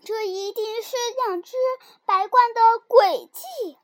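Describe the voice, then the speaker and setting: A woman voicing a kind, cheerful little rabbit child in a storybook reading, speaking in a gentle, reassuring way. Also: extremely high pitch, takes it slowly, no echo, clean studio sound, voice pushed up. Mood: excited. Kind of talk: storybook character voice.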